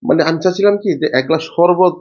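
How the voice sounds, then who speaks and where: A man's voice: sits high, steady tone, racing, highs cut off. A young man acting a husband in a domestic drama, flustered, stammering and evasive.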